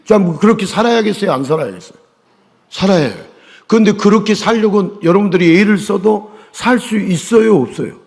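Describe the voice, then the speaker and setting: A man preaching in a church sanctuary, his voice on the higher side and lively in pitch. He keeps asking the congregation questions and demanding answers, rising loud one moment and dropping hushed the next. Long reverb trails after his words. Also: a little fast, vocal fry. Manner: call-and-response questioning of the congregation; emphatic, swings from loud to hushed. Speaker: pastor. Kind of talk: sermon.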